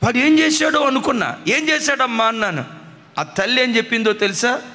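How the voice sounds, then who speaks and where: A man's voice: very high-pitched, a little fast, pushed and bright. A man with a Telugu accent preaching a sermon with passion, often acting out the words of a weeping mother. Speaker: pastor. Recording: long hall reverb from a church.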